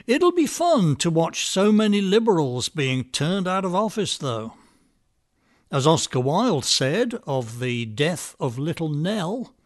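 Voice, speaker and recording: A man giving scripted political commentary with a dry, sardonic, measured delivery. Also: on the high side. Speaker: podcast commentator.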